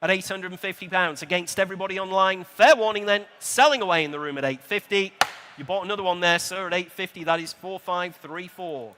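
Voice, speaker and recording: Casting: British man as live auctioneer and bid caller, high-pitched, forceful, courteous and jokey between repeated prices. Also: a little fast, slight background noise. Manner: chatty, jokey asides to bidders; polite, courteous address to bidders. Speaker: auctioneer calling bids. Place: large indoor auction hall at a motor show. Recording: PA voice in large reverberant hall.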